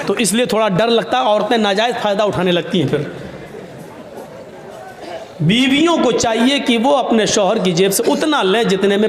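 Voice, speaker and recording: A male Islamic preacher delivers a sermon with animated, humorous storytelling. His voice sits high for a man. The sound carries a strong echo from the room. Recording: echoey room.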